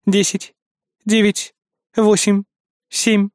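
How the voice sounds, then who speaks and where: A man's voice: high-pitched, completely flat delivery, drawn-out words, no echo, studio quality, pitched above the performer's own voice. A man doing a cool system announcer. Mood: countdown. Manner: raised, clipped announcements.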